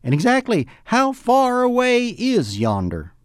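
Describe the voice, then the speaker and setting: A man doing a mock commercial pitch in an exaggerated folksy cowboy manner. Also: wildly swooping pitch, unhurried, clear, resonant tone, no echo, studio quality. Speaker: comedy ad pitchman. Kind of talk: mock commercial, over-the-top cowboy drawl.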